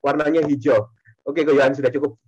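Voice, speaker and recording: A man's voice: fairly high pitch, fairly even intonation, a little fast, darkish tone, breathy edge, highs cut off. A man giving a testimony sermon to a congregation, repeating his phrases and often turning to address the listeners directly.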